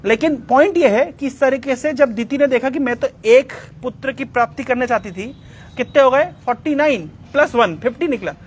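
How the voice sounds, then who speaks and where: A man giving a devotional talk, retelling scripture as a lively story and slipping English words into his speech. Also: extremely high pitch, normal speed, breathy edge. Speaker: religious speaker.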